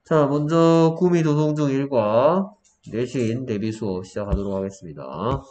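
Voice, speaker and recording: A man teaching an English vocabulary lesson to a student in a small room, explaining step by step and quizzing with quick questions. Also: mid-range voice, expressive, dark tone. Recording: dull lo-fi room recording, faint noise.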